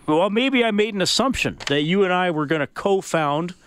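A man's voice: sits high, lively intonation, normal speed, fairly bright tone, smooth. A man casually hosting a sports radio show.

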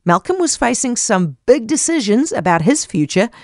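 A woman hosting a radio business show, narrating in a measured, storytelling way. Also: fairly high pitch, sing-song, darkish tone, no echo, clean studio sound. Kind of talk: scripted podcast narration. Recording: faint music bed behind voice.

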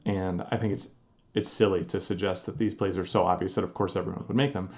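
A man co-hosting a sports podcast, explaining his views in a measured, dry way. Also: low-pitched, fairly even intonation, a little mellow. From New Jersey. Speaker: podcast co-host. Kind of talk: casual sports podcast chat.

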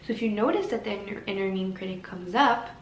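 A woman hosting a solo podcast, talking calmly and gently in an encouraging way. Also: mid-range voice, quick pace. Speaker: podcast host. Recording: echoey room with faint ambient noise.

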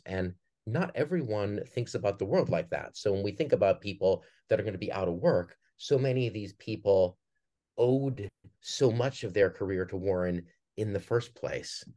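Speaking with a Minnesota accent, a middle-aged man who directs theater reflects earnestly as a guest in a conversational podcast interview. His lowish, dark-toned voice moves at a moderate pace.

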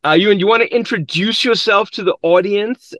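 A man's voice: high voice, brisk, a bit bright, no echo. A man hosting a podcast interview in a chatty, upbeat way. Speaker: podcast host.

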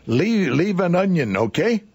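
A kindly old Santa Claus, played by a man on a studio radio show, with a gravelly, husky voice sitting a little high. He chats warmly with children and booms out hearty laughs, heard dry and close. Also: big pitch swings, measured pace, dry recording, highs cut off, full character voice. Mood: jolly.

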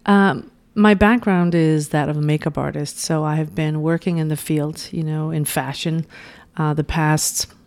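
A woman's voice: low voice, fairly even intonation, unhurried, a little mellow. A woman in her forties from Denmark, talking as a guest in an interview, reflective and full of "you know" and "uh" fillers. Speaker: guest, beauty brand founder. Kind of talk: conversational interview.

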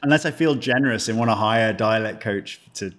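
A man's voice: lowish voice, fairly quick. A British man in his thirties, a guest actor chatting casually on a podcast, joking and mocking himself, often restarting his sentences. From Britain.

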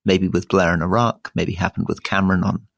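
Discussing political history as a podcast co-host, a man in his sixties wanders thoughtfully through digressions, his voice climbing in pitch when he gets animated. He has a creaky voice and talks a little fast. The studio-quality audio has no room sound.

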